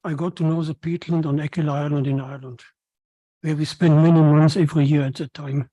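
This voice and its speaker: A man from Germany with a German accent, a native German speaker, giving a prepared welcome speech in a formal, halting, read-aloud manner. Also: on the high side, little pitch movement, warm tone, no room sound. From Cologne, Germany. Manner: halting, formal, reading from text. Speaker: event speaker, foundation co-founder.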